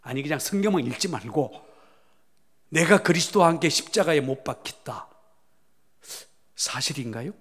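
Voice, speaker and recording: A pastor, a man with a fairly high voice, preaches to his congregation. He builds to loud exclamations, then drops to hushed, whispered asides, and keeps pressing the people to answer and say amen. His voice trails off into the long reverb of a church sanctuary. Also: lively intonation, moderate pace, pauses often, husky. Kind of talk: sermon.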